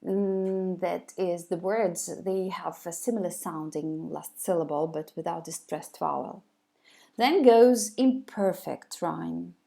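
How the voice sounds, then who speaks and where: A woman's voice: fairly low pitch, takes it slowly, creaky, dark tone. A woman giving a recorded video lecture, hesitant, with many fillers and restarts.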